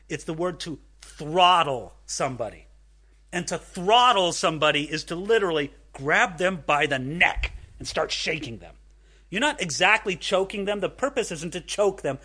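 A man's voice: high voice, sharp tone. A man preaching an expository sermon, reading scripture aloud and asking his listeners questions. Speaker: pastor.

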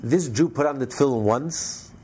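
A man's voice: medium pitch, moderate pace, darkish tone, breathy edge. A man telling a Torah story in a storytelling lesson, repeating and stressing his points. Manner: repetitive, emphatic storytelling with many restarts. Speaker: Torah teacher.

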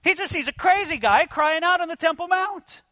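A man preaching an expository sermon in an animated, conversational way, addressing his listeners as friends. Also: very high voice, moderate pace, no room sound, studio quality. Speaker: pastor.

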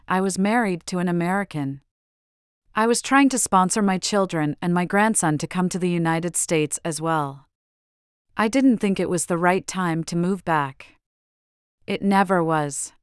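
An older woman from Chile, an author answering interview questions in a measured, reflective way. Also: fairly low pitch, clean tone, no room sound, clean studio sound.

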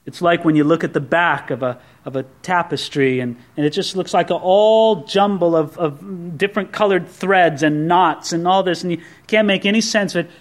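A man delivers a sermon in a fairly high voice. He preaches with earnest animation. He often stumbles and restarts his phrases. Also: fairly bright tone. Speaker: pastor.

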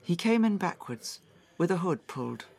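A woman's voice: on the low side, sing-song, creaky, a little mellow, husky, heavily acted. A woman playing a haunted, whispering survivor. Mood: distressed. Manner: halting, often dropping into whispers. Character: traumatized woman recounting a brutal attack. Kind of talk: audio drama acting.

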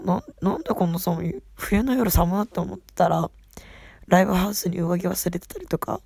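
Gravelly, smoky-rasped woman chatting casually. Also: on the low side, darkish tone, no room sound. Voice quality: raspy, gravelly, husky voice. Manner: rambling, self-deprecating. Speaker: idol singer hosting her radio show. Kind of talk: casual solo radio chat.

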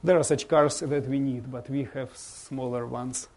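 A man from Russia with a Russian accent gives an informal slideshow talk as a visiting bishop, speaking halting non-native English and searching for words. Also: medium pitch, steady tone, darkish tone. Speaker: bishop giving a guest presentation.

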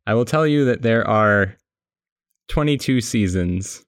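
A man's voice: on the low side, expressive, measured pace, smooth, dry recording, studio quality. A man hosting a podcast in casual chat, recording under a blanket and often laughing as he rambles. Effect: muffled by a blanket over the mic. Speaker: podcast host.

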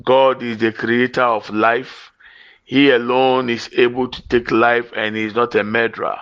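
A Ghanaian man, a native Twi speaker with a gravelly voice, preaching as a pastor in an emphatic, repetitive, exhortatory way with short urging phrases. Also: medium pitch, flat delivery, moderate pace, a bit bright. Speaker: pastor leading morning prayer. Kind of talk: exhortatory sermon mixing preaching and prayer. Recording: dull, lo-fi audio.

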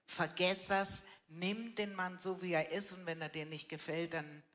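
In a lowish, slightly bright voice with fairly even intonation and a measured pace, an older woman offers personal testimony about her life. Her casual interview takes place at a live church event with an audience, and her blunt, colloquial speech is sprinkled with "ne" at sentence ends.

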